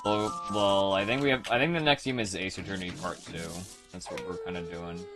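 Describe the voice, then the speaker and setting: A man chatting loosely as he streams. He rambles and restarts his sentences, and jokes at his own expense. His voice sits fairly low, and clear music plays under him. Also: fairly even intonation, a little fast. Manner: rambling and self-mocking, with many restarts. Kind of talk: casual chat. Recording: background music over the voice.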